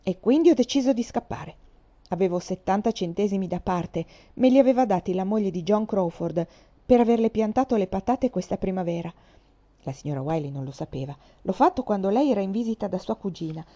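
A woman's voice: medium pitch, animated, fairly quick, dark tone, close to an everyday voice. A woman voicing a tough, boastful orphan girl of about twelve who talks in a brash, defiant way. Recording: slightly dull lo-fi recording.

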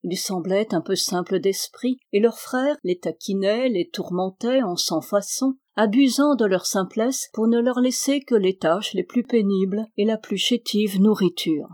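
A woman calmly reading an old folk tale aloud as narrator. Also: mid-range voice, a little slow, few pauses. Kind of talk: storybook reading.

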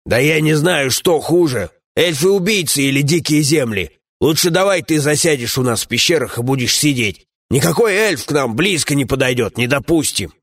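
A man doing a loud bearded cave-dweller, raised voice. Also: on the high side, lively intonation, normal speed, hardly any pauses, husky, pitched above the performer's own voice, heavily acted. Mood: boisterous. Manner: loud mocking squabbling.

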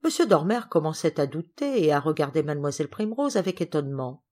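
A woman reading a classic children's novel aloud as an audiobook narrator, measured and clear. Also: low voice, expressive, darkish tone. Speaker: audiobook reader. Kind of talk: storybook narration.

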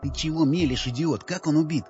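A man's voice: a little high, a little fast, darkish tone, soft background music, voice pushed up, natural voice. A man voicing a rude, foul-mouthed fighter who talks with scorn. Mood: scornful. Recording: dull lo-fi dry recording.

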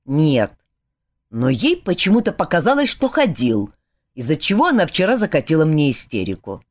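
A woman reading a hungover young king who snaps sarcastically, his voice jumping high when outraged. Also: huge pitch swings, normal speed, heavily acted. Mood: irritable, sarcastic. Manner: bitter, snapping, rises high in outrage.

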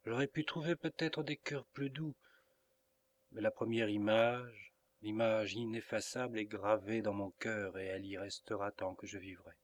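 A man's voice: fairly low pitch, steady tone, normal speed, natural voice. A man reading an earnest young woman in love. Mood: tender. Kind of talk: audiobook reading.

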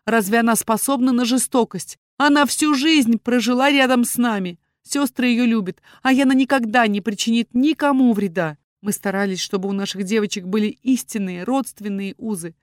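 A woman's voice: fairly high pitch, normal speed, few pauses, no room sound, studio quality, pitched above the performer's own voice, close to an everyday voice. A woman voicing a worried father begging a lord to forgive his daughter. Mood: pleading. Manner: pleading, apologetic. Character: anxious middle-aged father pleading for his daughter.

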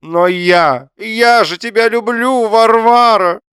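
A man voicing a pompous, self-pitying middle-aged husband who whines in a high, nasal, drawn-out declaiming voice. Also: fairly bright tone, clean tone, no room sound, clean studio sound. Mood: pleading wail.

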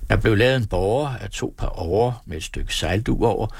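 A man narrating an audiobook in a steady storytelling read. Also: fairly low pitch, creaky, husky, dry recording. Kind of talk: scripted narration.

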